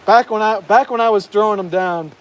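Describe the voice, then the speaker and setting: A high-pitched American man speaks a little fast on a casual outdoor live stream, reading viewer comments out loud while rain falls. He's a vlogger who laughs often and trips over his words, captured with lo-fi sound.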